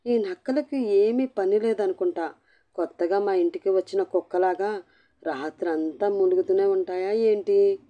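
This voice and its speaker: A woman's voice: medium pitch, measured pace, lo-fi sound, lightly acted. A woman voicing an exasperated young husband who snaps and teases sarcastically. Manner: teasing, yelling.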